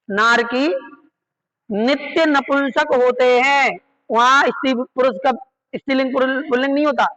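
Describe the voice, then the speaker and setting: A man's voice: extremely high pitch, pushed and bright, low-quality recording. A man teaching a class on religious scripture, patiently repeating key terms and checking that his listeners follow. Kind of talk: slow explanatory class on Jain scripture.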